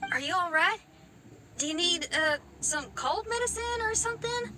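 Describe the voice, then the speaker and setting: A woman's voice: very high voice, animated, moderate pace, heavy background noise. A woman voicing an upbeat young rock musician with a rebellious spirit, who laughs easily. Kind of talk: video game dialogue.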